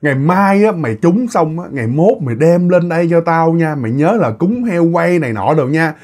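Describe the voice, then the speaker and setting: A man voicing a vengeful female demon possessing a man, in a shrill half-male, half-female voice. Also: animated, darkish tone. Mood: commanding. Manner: slow, drawn-out, commanding.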